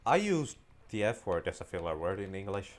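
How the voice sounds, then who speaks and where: A man with a deep, very animated voice and a brisk pace comments casually on a game he's playing; his first language is Finnish. As a let's-play commentator he rambles, drifts into side topics and restarts his sentences.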